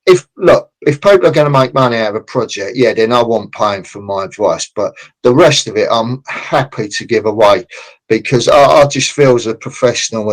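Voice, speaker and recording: A man's voice: lowish voice, rough recording. A man, a construction consultant speaking as a podcast guest, blunt and passionate, often acting out what other people say. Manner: animated, acts out quoted people; blunt, passionate about his trade. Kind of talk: podcast interview.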